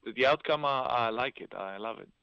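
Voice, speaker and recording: Speaking as a guest musician in a call interview, a man from Greece, Italian his first language, hesitates often and uses many fillers. His mid-range voice is brisk and gravelly with a clean tone and no room sound, over a dull, dry line.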